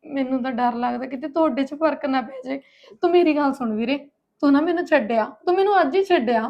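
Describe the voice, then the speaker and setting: A woman's voice: high-pitched, fast, lo-fi sound. A woman with a Punjabi accent playing a meek visiting sister who pleads through tears. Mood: tearful. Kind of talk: comic family drama acting.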